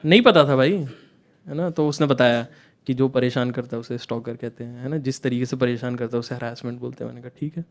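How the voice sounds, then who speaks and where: Amid audience laughter, a young comedian from India tells a story on stage, acting out scenes and frequently checking in with the crowd in a chatty way. His voice is medium in pitch, steady in tone and fast.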